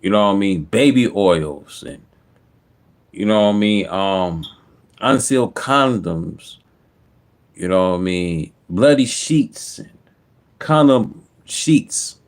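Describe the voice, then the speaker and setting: A man's voice: lowish voice, lively intonation, takes it slowly, long pauses. A man giving casual, unscripted online commentary in a repetitive, slangy, conversational way.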